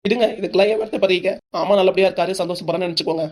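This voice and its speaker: A woman voicing a calm young male son-in-law who soothes his mother-in-law in a cartoon. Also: fairly low pitch, racing, pitched below the performer's own voice, natural voice.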